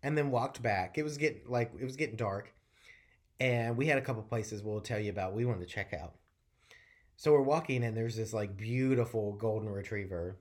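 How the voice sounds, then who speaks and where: A man from North Carolina with a fairly low voice co-hosts a show, telling a story in casual conversation at normal speed. He rambles and swears freely, animated and full of filler words.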